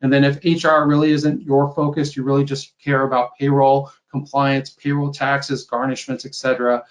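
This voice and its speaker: Presenting a webinar, a male sales executive from a software company walks through a product demo on a video call in a casual, explanatory style, frequently tagging his statements with "right?". His mid-range voice has a flat delivery and a moderate pace.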